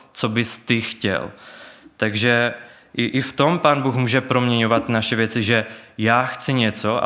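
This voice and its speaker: A man's voice: medium pitch, a bit bright. A man preaching a sermon in an earnest, searching way, with many restarts and fillers, and reading Bible verses aloud.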